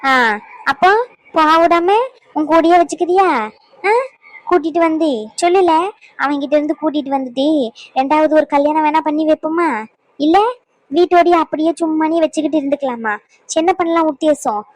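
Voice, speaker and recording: A woman's voice: high-pitched, steady tone, normal speed, long pauses, lightly acted. A woman voicing a stern lecturing mother-in-law. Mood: sarcastic. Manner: lecturing, scolding. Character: stern middle-aged mother-in-law scolding family. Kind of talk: Tamil cartoon drama voice acting.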